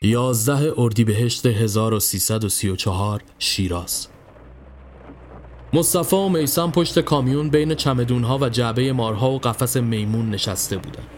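A man narrating a scripted horror story in a measured, even storytelling voice. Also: mid-range voice, a little hiss or hum.

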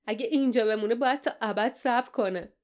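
A woman's voice: on the high side, muffled recording, close to an everyday voice. A woman voicing a boastful, strutting male pirate leader, speaking with scorn. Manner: swaggering, scornful.

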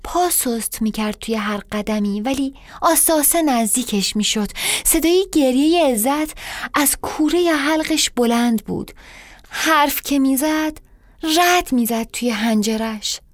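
Woman storyteller, high pitched, dramatic delivery, occasional whispers, dry close recording. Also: expressive, no room sound. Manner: dramatic, drops to a whisper at times. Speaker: storyteller and author. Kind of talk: scripted story narration.

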